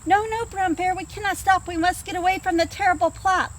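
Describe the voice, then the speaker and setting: Woman putting on squeaky panicked little rabbits. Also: steady tone, brisk, a little hiss or hum. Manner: frantic, breathless chanting. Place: outdoors in an apple orchard.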